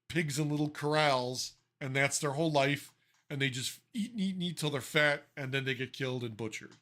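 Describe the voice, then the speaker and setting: A man's voice: medium pitch, pushed and bright. Ranting, profane podcast co-host man. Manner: profane, ranting, exasperated, many restarts. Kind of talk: casual podcast chat.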